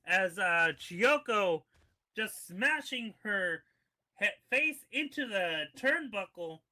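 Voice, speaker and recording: A man doing play-by-play as a wrestling commentator in an excitable, exclamatory way. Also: high-pitched, slow pace. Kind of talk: wrestling commentator calling moves.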